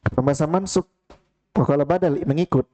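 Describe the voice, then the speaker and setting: A man's voice: on the high side, fairly quick, darkish tone. A man, teaching Arabic grammar in a mosque study hall, quizzing students one by one by name and teasing them.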